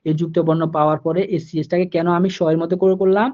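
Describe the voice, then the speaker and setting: A man's voice: fairly high pitch, flat delivery, racing. A man with a Bangladeshi Bengali accent teaching German pronunciation, patiently repeating each rule and checking that his students follow. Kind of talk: online language lesson. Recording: dull, muffled lo-fi recording.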